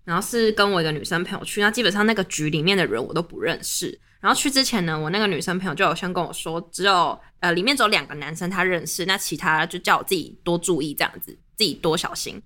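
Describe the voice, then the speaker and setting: A woman's voice: on the low side, fast talker, hardly any pauses. Chatty Taiwanese-accented young woman. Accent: Taiwanese Mandarin. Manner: animated, chatty storytelling. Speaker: podcast host. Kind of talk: casual storytelling chat.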